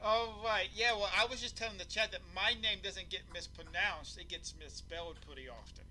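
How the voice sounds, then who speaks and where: A man hosts a casual live-streamed chat, teasing his guests in a laid-back way. His voice is high and strikingly bright. He keeps things relaxed and friendly. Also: a little fast, slight background noise, low-quality recording. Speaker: host.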